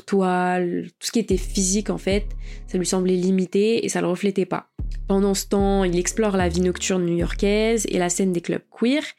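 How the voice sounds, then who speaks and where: A woman's voice: medium pitch, warm tone. A woman hosting a podcast, talking casually and with slang about digital art. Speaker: podcast host.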